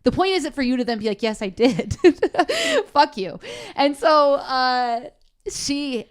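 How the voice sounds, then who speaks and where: A woman's voice: high voice, big pitch swings, slow pace. Heated, profane woman telling a story. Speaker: podcast co-host. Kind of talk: casual chat.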